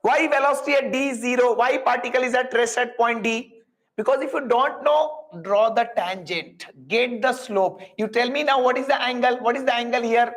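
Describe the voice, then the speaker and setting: A man's voice: extremely high pitch, moderate pace, a bit bright, low-quality recording. A man with an Indian accent teaching a live physics class, explaining step by step, repeating phrases and putting questions to students with Hindi tags mixed in.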